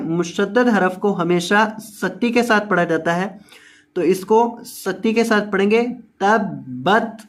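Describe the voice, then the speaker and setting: Male Quran teacher, measured and patient, word-by-word drills, occasional slow melodic recitation. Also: high-pitched. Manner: drills each word slowly, repeating and correcting mispronunciations. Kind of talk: word-by-word tajweed lesson.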